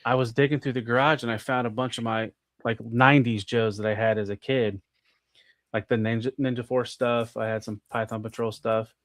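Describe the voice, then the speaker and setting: A man's voice: mid-range voice, fairly even intonation, fairly quick, no room sound. An American man, a guest on a podcast, chatting in a rambling way full of "like" and restarts. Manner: rambling, filler-heavy with many restarts. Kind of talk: casual chat.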